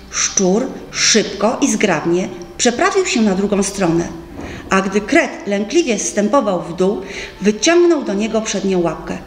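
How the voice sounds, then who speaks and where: A woman narrating a children's storybook aloud with expressive, lively delivery, recorded for a library. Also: medium pitch. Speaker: audiobook narrator. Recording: roomy with faint music.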